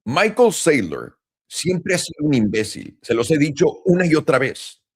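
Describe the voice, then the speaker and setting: A man's voice: a little high, very animated, normal speed, slightly rough. A man with a Mexican Spanish accent, a crypto trading commentator, ranting in a casual, blunt and profane monologue, full of sarcasm. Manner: blunt, profane and sarcastic, mocking others in put-on voices.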